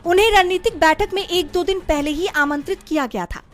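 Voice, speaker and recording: A woman's voice: very high voice, brisk. A woman reading a scripted news report as a voice-over. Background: music bed.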